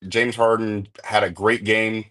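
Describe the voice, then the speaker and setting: Low-voiced laid-back sports host. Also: male voice, level tone, a little slow, a bit bright. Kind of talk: casual sports talk.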